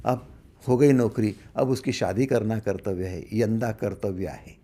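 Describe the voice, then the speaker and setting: Delivering a spiritual discourse in a teacher's role, this middle-aged man speaks with a fairly low pitch and a little slowly. He asks rhetorical questions and alternates between loud emphasis and hushed asides.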